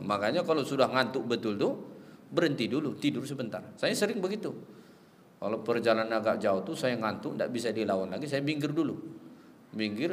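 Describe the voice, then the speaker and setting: A male preacher giving a lively sermon, telling stories and quoting Arabic before explaining it. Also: big-room sound, slight background noise. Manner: animated storytelling, quoting Arabic then explaining; acts out quoted speakers with rising pitch. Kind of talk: Islamic sermon lecture.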